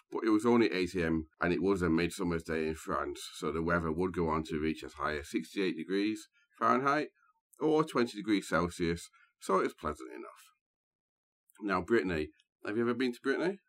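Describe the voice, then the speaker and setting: A man hosting a true crime podcast, telling the story in a measured, scene-setting way. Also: low-pitched, fairly bright tone. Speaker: podcast host. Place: small booth, sharing a room with co-host.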